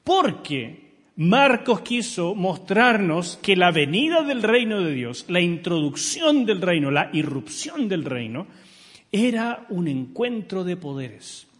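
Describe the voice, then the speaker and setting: A middle-aged pastor preaching a sermon, emphatic and full of rhetorical questions to the congregation. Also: male voice, sits high, big pitch swings, slow pace, fairly bright tone, breathy edge. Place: church sanctuary. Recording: long church hall reverb.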